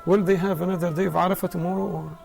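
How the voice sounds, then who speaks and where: A man's voice: high voice, flat delivery, very fast, gravelly, darkish tone, soft background music. A man answering viewers' questions as a scholar in a live studio discussion, explaining in a conversational way.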